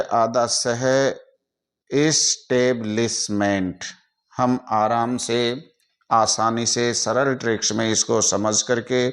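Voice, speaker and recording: A man teaching with a Hindi accent, speaking very slowly in a smooth, clear voice. He spells out each word one letter at a time and speaks plainly to his students. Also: medium pitch. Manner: spells out English words letter by letter. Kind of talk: explaining to students.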